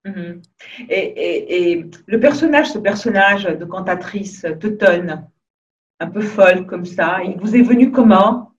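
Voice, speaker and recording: A woman journalist hosting an interview, asking questions with halting restarts. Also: medium pitch. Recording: distant, dull-sounding mic.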